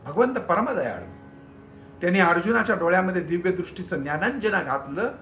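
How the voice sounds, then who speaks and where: A male storyteller narrates a scripture tale with expressive, vivid delivery and turns often to address his viewers. His voice sits high for a man. The room is echoey, with a faint ambient hum underneath. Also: fairly quick. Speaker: spiritual storyteller and show host.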